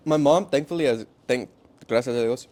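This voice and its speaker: A man's voice: medium pitch, wildly swooping pitch, unhurried, noisy background. A man co-hosting a podcast in casual chat, candid and swearing freely, slipping Spanish phrases into his English. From Mexican-American family from Durango. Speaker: podcast co-host.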